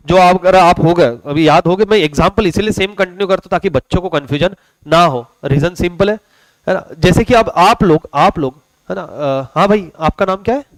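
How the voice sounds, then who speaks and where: A man's voice: high-pitched, clear, resonant tone, no room sound, poor audio. A young man teaching an online commerce class in a chatty, joking way, calling his students "beta". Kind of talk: casual online class lecture.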